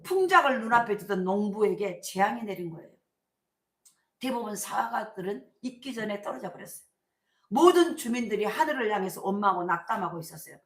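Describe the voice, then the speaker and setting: A middle-aged woman pastor preaching a sermon, telling stories in a colloquial, animated way with emphatic bursts. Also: medium pitch, a little fast. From South Korea. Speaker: senior pastor. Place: church sanctuary. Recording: echoey church sanctuary.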